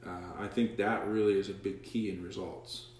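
A man, a coach being interviewed, telling stories in an animated way. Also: fairly low pitch, normal speed, a little hiss or hum. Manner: animated storyteller, acts out quoted dialogue. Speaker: guest, soccer coach. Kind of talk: casual interview storytelling. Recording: very echoey room, far from the mic.

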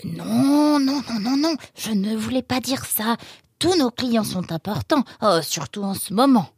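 Une renarde servante, grande et maigre, terrifiée de mal faire, jouée par une femme. Sa voix soufflée et sèche bafouille, presque inaudible, dans un livre audio. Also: female voice, fairly high pitch, expressive, measured pace, a little mellow, slightly rough, dry recording, clean studio sound, pitched above the performer's own voice, full character voice. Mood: timid. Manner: hesitant, stammering, almost inaudible. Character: tall thin timid vixen servant.

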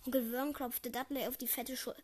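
A woman's voice: high-pitched, little pitch movement, a little fast, husky. A young girl reading a novel aloud, often stumbling over words and correcting herself. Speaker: reader.

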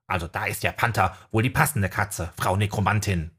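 A man's voice: lowish voice, a little fast, fairly bright tone, slightly rough, full character voice. A man voicing a small, fussy, know-it-all male owl familiar in an audiobook, in a raised, pedantic voice. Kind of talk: audiobook character voice.

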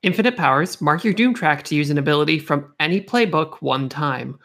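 A woman's voice: deep voice, animated, brisk, fairly bright tone. A woman chatting casually as a tabletop player, breezy, friendly and joking through her character's lines. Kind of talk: casual, playful role-play chat.

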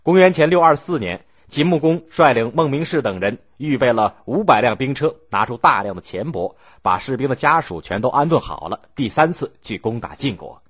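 A man telling a history story in a lively, expressive way, acting out the scenes. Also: mid-range voice, moderate pace, few pauses, husky, dry recording.

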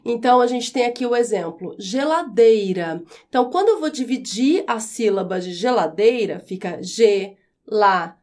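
A woman teaching a podcast language lesson, explaining slowly and clearly and spelling out syllables one by one. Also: on the high side, lively intonation, darkish tone. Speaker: Portuguese teacher.

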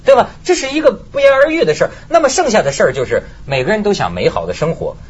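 A man's voice: high voice, sing-song, fast, slightly rough. A man hosting a talk show in casual chat, telling stories animatedly and laughing often. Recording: slightly muffled broadcast audio.

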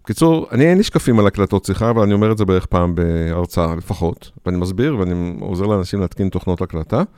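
A man in a radio conversation, telling a story in a lively way and acting out the people in it. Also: lowish voice, dry recording, studio quality. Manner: storytelling, acts out quoted speech.

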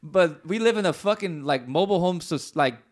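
A man's voice: high-pitched, animated, a little fast. A man telling a long story in casual chat, rambling and slangy, swearing often, with many restarts. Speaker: podcast co-host.

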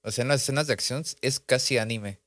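A man's voice: mid-range voice, quick pace. Joking man on a podcast. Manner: joking, relaxed recommendations with slangy asides. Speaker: podcast co-host. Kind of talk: casual podcast chat.

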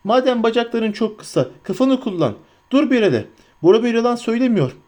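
Guy doing a panicky little hobbit servant, squeaky high, pitch jumping all over. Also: lively intonation, fairly quick, darkish tone. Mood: fretful. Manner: high-pitched, frantic, talks to himself. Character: anxious loyal young male hobbit servant.

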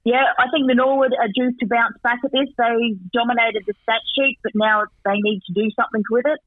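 A man giving a chatty football match recap and tips as a radio guest, rattling off stats with quick asides. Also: extremely high pitch, fairly even intonation, dry recording. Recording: tinny dry phone line.

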